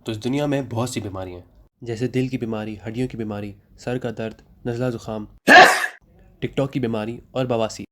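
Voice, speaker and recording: A man's voice: mid-range voice, steady tone, mellow. A young man from Pakistan delivering a sarcastic comic monologue, then giving health advice. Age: young adult. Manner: sarcastic rapid-fire jokes. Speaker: comedy vlogger.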